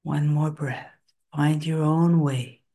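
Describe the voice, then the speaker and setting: A woman leads a relaxation and breathing session in a low, mellow voice. She speaks very slowly and soothingly, in short phrases with long pauses, and sometimes drops to a soft whisper. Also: steady tone. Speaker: meditation guide.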